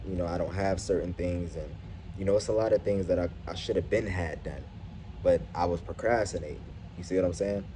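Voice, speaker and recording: A man with a deep voice, slightly muffled by a face mask, talks casually and earnestly to camera like a motivational vlogger. His tone is mellow and his wording slangy and profane, with faint noise behind him. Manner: earnest, slangy, profane street talk, addressing viewers as bro and dog. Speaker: YouTube vlogger. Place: at his workplace.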